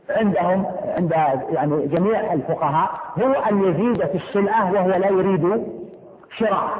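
A high-pitched man talks fast as he teaches a classroom lesson. He restates each point and turns to his students with questions. The sound is tinny and phone-like, with a long echo from the room around him. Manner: explanatory, repeats key points, asks students questions.

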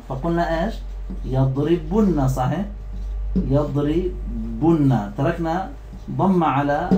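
A man's voice: fairly high pitch, a little mellow. Patient man teaching grammar. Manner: patient, explanatory, quizzes students with repeated questions; stretches out example words slowly. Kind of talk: classroom grammar lesson.

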